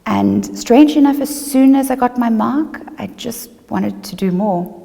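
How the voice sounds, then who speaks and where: A middle-aged woman from Zimbabwe, an attorney, giving a measured, reflective testimonial interview. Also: on the high side, creaky, warm tone, long reverb tail. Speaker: attorney and former online law student.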